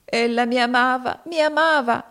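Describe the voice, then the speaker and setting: A woman's voice: a little high, unhurried, mellow, pitched above the performer's own voice, natural voice. A woman voicing a wailing, sobbing young girl. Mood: sobbing despair. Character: grief-stricken young girl, wild and sobbing.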